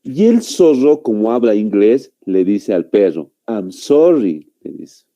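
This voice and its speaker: A man teaching a grammar lesson, who explains slowly and keeps checking in with his students. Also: lowish voice, big pitch swings, warm tone. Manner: explains slowly, often checks with "¿no?" and "muy bien". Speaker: language teacher.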